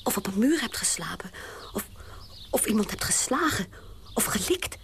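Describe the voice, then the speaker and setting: A woman playing a restless young woman in a radio play, speaking haltingly and often in a breathy whisper. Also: medium pitch, big pitch swings. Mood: hesitant.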